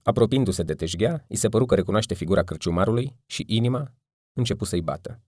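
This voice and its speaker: A man narrating an audiobook in steady, even storytelling. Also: lowish voice, no room sound, clean studio sound. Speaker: audiobook reader. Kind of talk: scripted narration.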